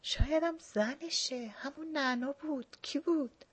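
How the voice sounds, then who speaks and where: A woman voicing a sly young woman who speaks softly, slowly and in a hush. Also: sits high, pitched above the performer's own voice, lightly acted. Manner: soft, slow and hushed.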